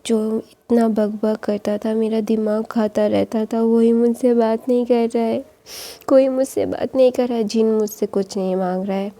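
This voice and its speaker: A woman's voice: a little high, dark tone, natural voice. A woman voicing a distraught father who begs for help. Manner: pleading, self-pitying.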